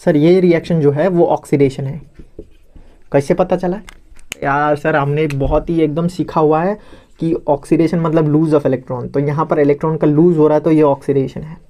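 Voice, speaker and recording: Brief: a man doing an unsure young male student, slow questioning delivery, mellow tone. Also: fairly high pitch, steady tone, close to an everyday voice. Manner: hesitant, questioning, drawn out. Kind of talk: classroom role-play.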